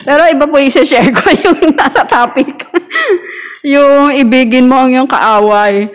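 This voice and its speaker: A woman's voice: high-pitched, measured pace. A middle-aged woman sharing a personal testimony in a church group, chatty and laughing often as she acts out quoted arguments.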